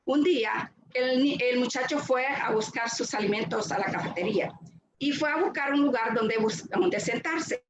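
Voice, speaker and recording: Woman speaker, fairly high voice, earnest testimony, echoey noisy room. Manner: earnest, repeats words while searching for them. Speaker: retreat speaker giving a talk. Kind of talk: faith testimony talk.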